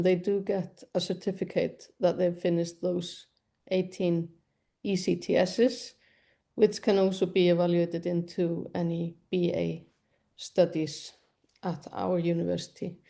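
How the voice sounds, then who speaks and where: A woman moderates a webinar panel in a mellow voice with a gravelly edge to it. She keeps the talk moving in a gentle way and puts open questions to the panelists. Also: fairly low pitch, little pitch movement, a little slow.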